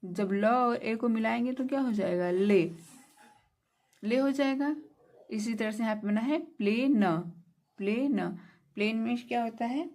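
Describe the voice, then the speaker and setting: A woman's voice: fairly high pitch, measured pace, pauses often, darkish tone. A woman teaching English pronunciation in a classroom lesson, spelling words letter by letter, repeating meanings and answering her own questions.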